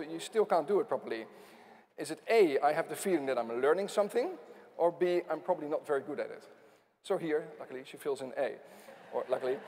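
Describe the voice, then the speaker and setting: Male host, stumbling repetitions, slightly raised pitch, reverberant hall. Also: a little mellow. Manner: halting, with many repeated words. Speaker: conference host. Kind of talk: conference remarks. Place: large conference hall stage.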